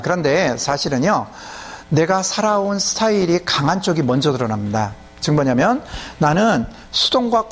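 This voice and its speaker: A man preaching and leading prayer, speaking emphatically and often checking with the audience. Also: a little high. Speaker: pastor. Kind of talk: sermon teaching and leading prayer.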